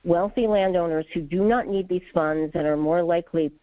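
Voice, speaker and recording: A woman's voice: fairly low pitch, moderate pace, no echo. A woman calling in over a clipped phone line, giving an earnest, formal public comment to a board. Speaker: caller at public meeting. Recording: tinny dry phone line.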